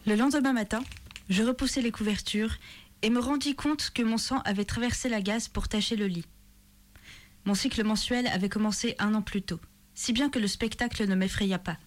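A woman giving a steady, measured first-person literary reading as a reader of fiction. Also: a little high.

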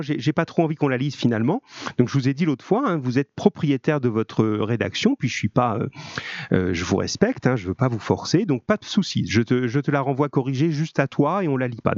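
A man's voice: mid-range voice, darkish tone, no room sound, muffled recording. A man teaching from his home office, talking to his pupils with many hesitations and restarts. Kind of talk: recorded class talk to pupils.

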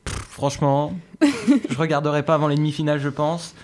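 A man's voice: a little high, level tone, brisk, a little mellow. A man speaking as a panelist on a sports talk show, wry and hesitant, with sighs. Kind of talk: casual radio chat.

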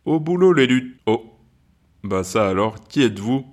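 A man voicing a hearty, booming old Santa Claus in a children's audio story. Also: lively intonation, unhurried. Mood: jolly booming. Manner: loud booming "ho ho ho" delivery.

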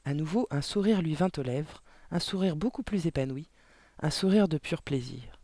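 A man narrating a children's audiobook in an expressive storytelling manner. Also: on the high side, normal speed, dry recording. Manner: expressive storytelling with character voices.

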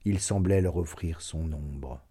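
A man narrating classic fiction as an audiobook in a slow, even, literary reading. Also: extremely low pitch, husky.

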